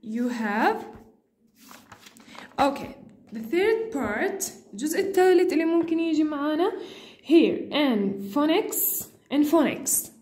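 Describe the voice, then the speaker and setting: A woman teacher reviewing for an exam, speaking slow, repetitive English and switching to quick asides. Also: high voice, lively intonation, darkish tone.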